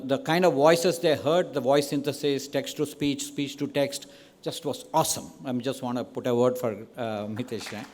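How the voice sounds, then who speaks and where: A conference speaker with an Indian accent and medium pitch gives an informal talk from the stage of a large indoor event hall, keeping it conversational and frequently checking in with "right?" and "okay?" The recording carries the hall's long reverberation.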